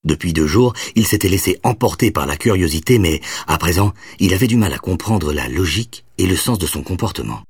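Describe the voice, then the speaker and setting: A man reads a novel aloud with expressive, storytelling delivery, his deep voice rising and falling widely. The sound is dry and close, with a husky grain. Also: a little fast, few pauses, dry recording. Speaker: narrator. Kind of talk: audiobook narration.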